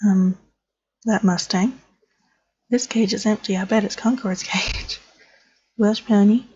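A woman's voice: medium pitch, steady tone, slow, a little mellow, dull audio. A woman giving chatty, amused gameplay commentary, talking to herself as she plays. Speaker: let's player.

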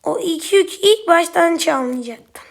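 A woman with a high, light voice narrates her gameplay in a casual commentary. She flares up and swears at opponents easily, then turns to chat directly with her viewers. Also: lively intonation, gravelly. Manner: quick to anger, swears at opponents; chatty, addresses viewers directly. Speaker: gaming YouTuber.

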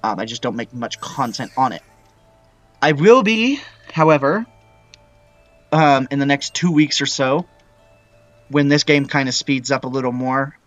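A young man casually commenting while playing a video game, rambling with frequent excited outbursts. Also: mid-range voice. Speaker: gaming channel host. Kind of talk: let's-play commentary.

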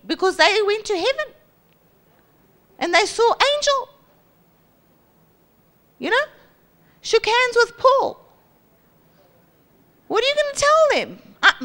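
A South African woman in her forties preaches a sermon from the stage of a large church hall, holding a handheld mic. She is lively and mimics boastful people, acting out their voices with high pitch jumps.

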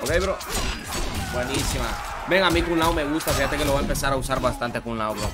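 A man at medium pitch speaks briskly while streaming a fighting game against background game music. His casual commentary is hyped and full of slang, as he calls out the action and repeatedly shouts out and thanks his viewers.

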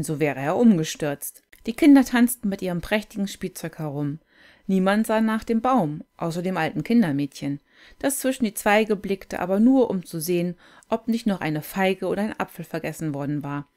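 Calm woman reading a fairy tale. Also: on the low side. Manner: gentle, unhurried, contemplative.

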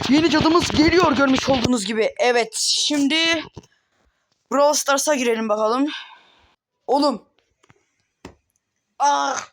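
A man giving casual gameplay commentary, playful and exaggerated, joking and trash-talking his opponents. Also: very high-pitched. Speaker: gaming video host.

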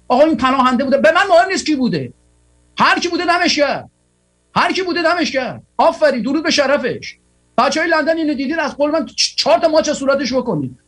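A man's voice: very high voice, fairly bright tone. A tired man hosting a political broadcast, giving a fervent, rallying monologue full of repeated exhortations.

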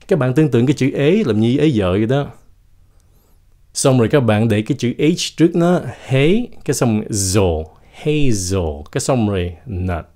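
A man whose first language is Vietnamese, teaching English pronunciation in a casual video lesson, slowly and deliberately demonstrating each word. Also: lowish voice, dark tone. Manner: slow, deliberate demonstration of words.

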